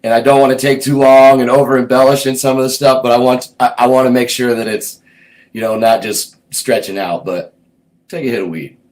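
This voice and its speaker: This host's medium-pitched voice is steady, brisk and a little mellow, though the audio quality is poor. Recounting his music career in casual personal storytelling, he wanders in a relaxed way and thinks out loud about his past.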